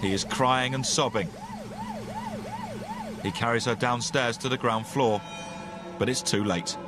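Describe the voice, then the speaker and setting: A man's voice: medium pitch, measured pace, noisy background. A man giving scripted, sombre documentary narration. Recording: narration with music behind.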